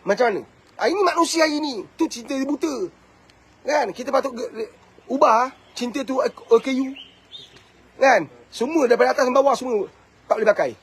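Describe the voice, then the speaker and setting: A man in his fifties with a Malaysian Malay accent, speaking in a rather high, husky voice. He lectures bluntly and preachily, scolding his listeners and firing rhetorical questions at them again and again. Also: fairly quick. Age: 50s. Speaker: motivational speaker and family coach. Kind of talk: preachy talk to camera.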